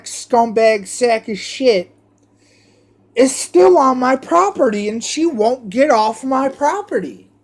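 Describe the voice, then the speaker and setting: Man, rambling monologue, profane, repetitive, slow delivery, bright tone. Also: very high voice.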